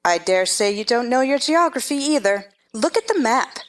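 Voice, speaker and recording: A woman's voice: fairly high pitch, expressive, normal speed, lightly acted. A woman playing a haughty, bossy chess-piece queen who gives imperious, scolding orders in a theatrical stage-play reading. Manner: imperious, clipped commands, scolding.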